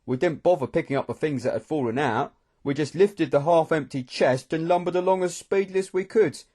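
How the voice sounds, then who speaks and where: A man reading a novel aloud in the first person, steady and expressive. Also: fairly high pitch, fairly quick. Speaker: audiobook narrator.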